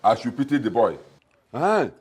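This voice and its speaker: A man's voice: mid-range voice, very animated, moderate pace, a little mellow, slightly rough. Scornful Nigerian father. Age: middle-aged. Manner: scoffing, bossy. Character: gruff scornful middle-aged father, mocking and domineering. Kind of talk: film drama acting.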